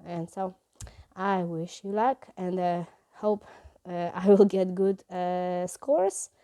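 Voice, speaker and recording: Hesitant, mellow-voiced woman from Ukraine. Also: lowish voice, takes it slowly. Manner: hesitant, many fillers and restarts. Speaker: English teacher and vlogger. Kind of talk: casual vlog talk.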